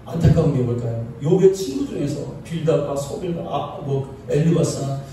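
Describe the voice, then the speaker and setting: Pastor preaching in a roomy church. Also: male voice, on the high side, animated, normal speed, warm tone. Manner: calls out to the congregation, acts out quoted voices. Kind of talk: conversational sermon. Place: church sanctuary. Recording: echoey church from far off, faint noise.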